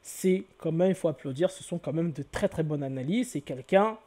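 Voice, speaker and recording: A man with a fairly high, warm and mellow voice gives a methodical lecture. He explains step by step and often pauses to check that the listener is following. When he reaches a point he likes, his delivery turns more animated. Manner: methodical, repeats points with "hein" and "donc". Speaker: video lecturer on word origins.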